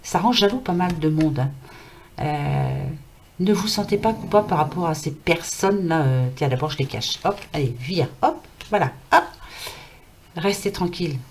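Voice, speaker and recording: A woman's voice: low-pitched, animated, normal speed. A French woman giving a casual card reading, chatty and reassuring, with a scratchy throat and a fading voice. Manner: chatty, reassuring, many fillers. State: scratchy throat, losing her voice. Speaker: card reader. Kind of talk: casual tarot reading to camera.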